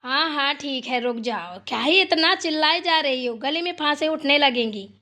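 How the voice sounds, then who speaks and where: Brief: woman doing a bossy village mother-in-law for a cartoon, high and curt. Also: expressive, normal speed, sharp tone. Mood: placating. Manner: brusque, placating. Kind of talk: Hindi cartoon dubbing.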